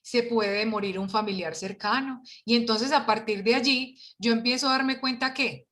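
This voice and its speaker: Woman, fairly high voice, parent workshop leader, lively, rhetorical questions, video call sound. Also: moderate pace. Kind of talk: online parent workshop talk.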